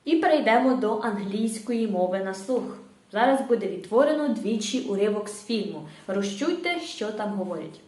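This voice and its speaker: A woman teacher explaining grammar in a video lesson, speaking clearly and patiently and repeating example sentences slowly. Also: mid-range voice, expressive, a little mellow. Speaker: English teacher. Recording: very echoey room, distant mic.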